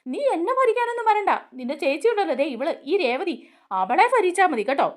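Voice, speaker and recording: A woman's voice: extremely high pitch, very animated, brisk, pitched above the performer's own voice. A woman voicing Sharath, an angry accusing young man. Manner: heated, accusing.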